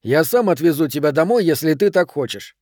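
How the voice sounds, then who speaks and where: A brash, hot-tempered young man who blusters and snaps, voiced by a male audiobook reader. The voice sits a touch high and dry, pushing hard on every line. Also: expressive, fairly quick, mellow, dry recording. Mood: pleading.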